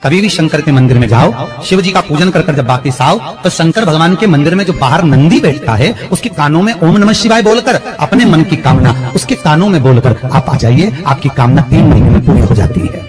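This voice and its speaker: A man's voice: fairly high pitch, wildly swooping pitch, normal speed, hardly any pauses, music in the background. Man preaching devotional instructions. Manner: instructive, addresses listeners directly. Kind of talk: devotional sermon.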